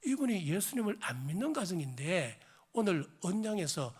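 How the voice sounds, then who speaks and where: A hoarse middle-aged pastor with a Gyeongsang accent, preaching a sermon in a church, swinging from emphatic exhortation to chatty storytelling. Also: male voice, high voice, very animated, normal speed. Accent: Gyeongsang Korean. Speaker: senior pastor. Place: church sanctuary.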